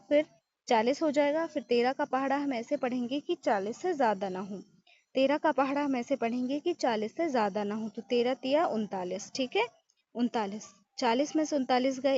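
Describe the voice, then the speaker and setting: A high-pitched woman teaches maths. She poses each question and then answers it herself as she works through the division. The recording is dry and slightly dull, with no room sound. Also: a little mellow, no echo. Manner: asks students questions and answers them herself, repeats "ठीक है" often. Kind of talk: classroom lesson with step-by-step long division.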